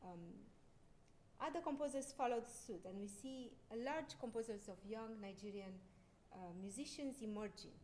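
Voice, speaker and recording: Woman pianist giving a halting research talk. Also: darkish tone. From Romania. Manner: hesitant, many fillers and restarts. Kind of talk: lecture presentation. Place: lecture hall. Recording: faint background noise and rumble.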